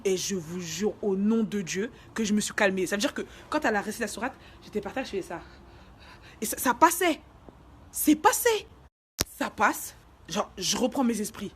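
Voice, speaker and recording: A young woman tells a personal story straight to camera in quick, slang-heavy speech. She races through it and bursts into shouts when she acts out the wild parts. A faint background hum sits under her voice. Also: mid-range voice. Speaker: vlogger telling a personal story. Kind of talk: casual story time.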